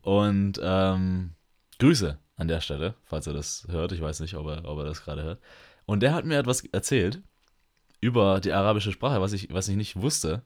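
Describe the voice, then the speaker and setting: A man's voice: sits low, lively intonation, moderate pace, a little mellow. A man co-hosting a casual podcast chat, joking around, laughing often and using slang. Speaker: podcast co-host.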